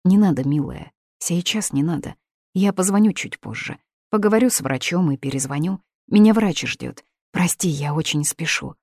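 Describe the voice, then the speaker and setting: Woman reading a tender young man, soothing yet hurried, low mellow voice. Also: animated, dry recording, clean studio sound.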